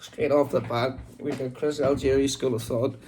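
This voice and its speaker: A man's voice: mid-range voice, level tone, normal speed, a little mellow, a little hiss or hum, rough recording. A man with a Belfast, Northern Irish accent giving casual, rambling commentary as a boxing vlog host, talking into a phone. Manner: rambling, informal. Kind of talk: casual chatty commentary to camera.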